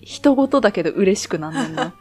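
A woman's voice: mid-range voice, lively intonation, fairly quick. A woman from Kyoto speaking in a Kansai accent and dialect, chatting casually as a podcast co-host. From Kyoto, Japan. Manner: colloquial Kansai dialect phrasing. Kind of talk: casual chat.

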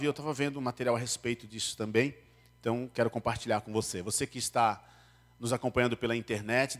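A man with a Brazilian accent delivers a sermon through a face mask. His pitch sits in a middle range for a man. He addresses listeners in a conversational way as he preaches and reads from the Bible.

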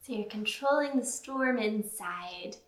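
A woman's voice: medium pitch, measured pace. A woman co-hosting a casual chat, playful, with joking asides. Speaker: podcast co-host. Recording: echoey room.

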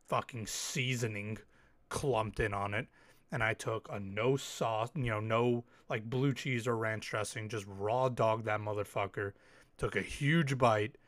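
A man hosting a casual solo podcast, telling stories in an animated way, swearing freely, a little sick with an occasional cough. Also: mid-range voice, dry recording. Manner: animated storytelling, swears freely, quick asides. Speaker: podcast host.

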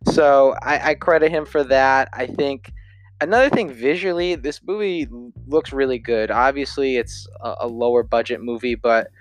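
A man's voice: medium pitch, moderate pace, no echo. A man giving a casual spoken film review, rambling with lots of fillers and self-corrections.

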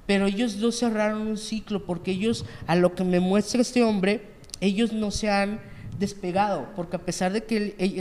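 A man's voice: high-pitched, a little mellow. A man, a medium speaking earnestly as a talk-show guest and repeating phrases for emphasis. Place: studio set. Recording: long hall reverb, faint noise.

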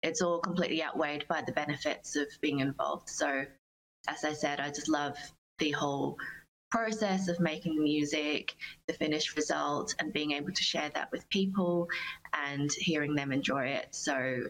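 Carefully choosing her words, a woman who is a guest singer-songwriter offers earnest, reflective interview answers. She speaks at normal speed in a low-pitched voice, on a rough recording with a little hiss or hum.

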